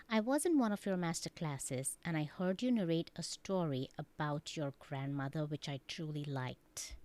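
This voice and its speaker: A woman's voice: low-pitched, dry recording. A woman hosting a podcast interview, speaking politely and formally to her guest. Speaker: podcast host. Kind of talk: interviewer wrapping up a conversation.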